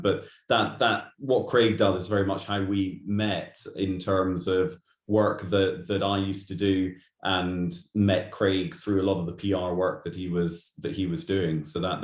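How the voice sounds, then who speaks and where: A low-voiced man from Glasgow, Scotland, speaks with a Glaswegian accent as a guest author in a casual interview chat. He often stammers and repeats words when starting sentences, and the recording is reverberant.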